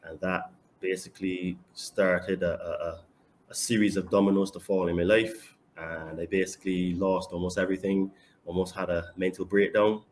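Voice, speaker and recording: A man from Barbados with a Barbadian accent, a guest on a casual podcast, speaking confidently and emphatically with sudden bursts of loudness. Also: sits low, level tone, moderate pace, slight background noise. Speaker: podcast guest and online fitness coach.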